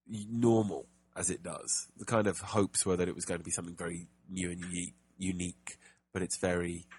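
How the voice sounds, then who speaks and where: A man's voice: low voice, a little hiss or hum. A man co-hosting a casual gaming podcast, chatty and jokey, with plenty of fillers and restarts. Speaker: podcast co-host.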